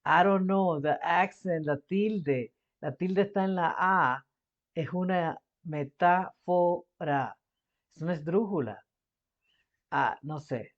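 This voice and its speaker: Woman doing reaction commentary, flips spanish and english, repeats herself thinking out loud, kinda dull lo-fi sound. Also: fairly low pitch, slow. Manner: switches between Spanish and English mid-thought; chatty, restarts and repeats words while thinking aloud. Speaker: reaction video host.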